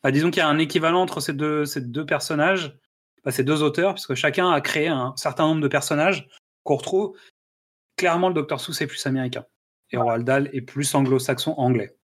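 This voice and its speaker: A man's voice: on the high side, fairly quick. A man hosting a casual film-review podcast, talking with frequent hesitations and restarts. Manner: hesitant, many "euh" and restarts. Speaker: podcast host.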